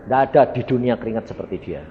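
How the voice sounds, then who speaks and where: A man's voice: mid-range voice, fast talker, a little hiss or hum. A middle-aged man preaching a storytelling sermon, acting out dialogue and addressing the congregation directly. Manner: storytelling, acts out dialogue, addresses audience as brothers. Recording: dull reverberant hall recording.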